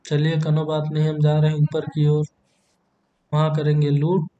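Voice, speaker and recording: A man's voice: a little high, monotone, normal speed, mellow, muffled recording. A young man hosting a gaming channel, joking and bantering crudely with teammates as he narrates his match. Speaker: gaming YouTuber. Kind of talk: comedic gameplay commentary.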